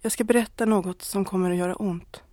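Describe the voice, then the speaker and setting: A woman's voice: mid-range voice, fairly even intonation, dark tone, no room sound, natural voice. Woman reading a torn wife confessing. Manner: earnest, pleading, close to tears.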